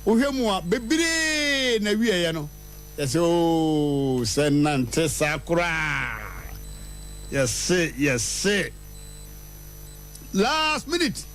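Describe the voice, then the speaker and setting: A man hosting a radio show, telling a story in a lively way and leaping high in pitch for punchlines. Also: very slow, faint music behind. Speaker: radio host. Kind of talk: animated radio storytelling and proverbs. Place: radio studio.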